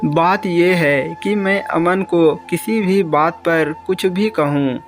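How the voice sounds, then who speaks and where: A man voicing a troubled young housewife who is lonely and tearful, speaking in a gentle, weary way over faint music. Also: on the high side.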